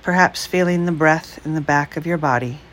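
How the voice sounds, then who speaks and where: A woman leading a guided breath meditation, speaking slowly, calmly and softly. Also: deep voice, low-quality recording. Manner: slow, calm, soft-spoken.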